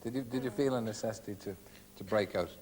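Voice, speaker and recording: A man's voice: lowish voice, fast, darkish tone. A man hosting a TV talk show, asking his guests questions in a playful, teasing way. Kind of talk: TV interview. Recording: TV studio audio with long reverb and faint hiss.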